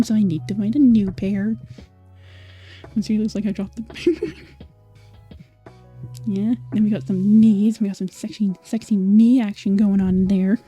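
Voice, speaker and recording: This woman's voice sits in the mid range, dark and husky. She's a vtuber streamer from Scotland whose accent sounds mostly American, chatting casually on a livestream in a talkative, apologetic way with plenty of fillers.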